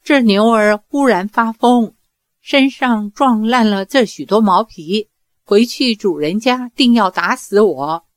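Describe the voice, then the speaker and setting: A woman's voice: on the high side, takes it slowly, no room sound. A woman reading aloud voices a mischievous young man who whines and wails pleas while feigning helplessness. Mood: whining. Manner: whining and wailing pleas.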